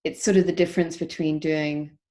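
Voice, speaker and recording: A woman with a low, soft voice guides an online yoga session. She speaks gently and without hurry, pausing often with soft ums as she explains. Her voice comes through a video call. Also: level tone. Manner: gentle, unhurried, with frequent soft pauses and ums. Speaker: yoga teacher. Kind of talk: guided meditation instruction.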